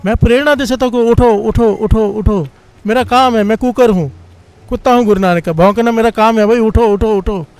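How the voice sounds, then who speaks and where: A man's voice: sits high, a little mellow, smooth. A man giving a Sikh sermon, telling a story and leading a repeated refrain. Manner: repeats a call-and-response refrain between points; chants scripture lines slowly. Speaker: Sikh preacher.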